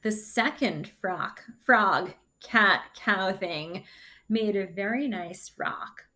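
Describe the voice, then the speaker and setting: This is a woman teaching sixth grade, reading from a picture book for children at a gentle, unhurried pace. Her pitch sits in the middle, her delivery is expressive, and she weaves in her own observations.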